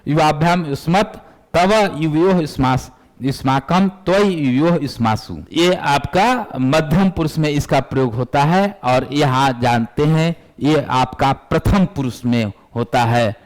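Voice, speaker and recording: A man teaching a Sanskrit grammar lesson, chanting word forms in slow lists and urging his students directly. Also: on the high side. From Bihar, India. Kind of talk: classroom lecture.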